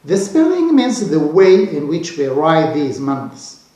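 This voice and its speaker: A man teaching English pronunciation to beginners, speaking slowly and repeating each word carefully. His native language is Arabic. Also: a little high, huge pitch swings, mellow. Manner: drills words slowly and repeats them. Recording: very echoey room.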